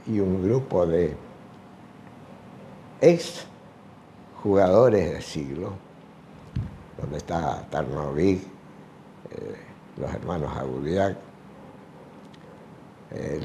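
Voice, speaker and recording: Older man, low mellow voice, unhurried halting interview answers, faint hiss behind. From Argentina. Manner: slow, halting, with many fillers. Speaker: retired sports teacher.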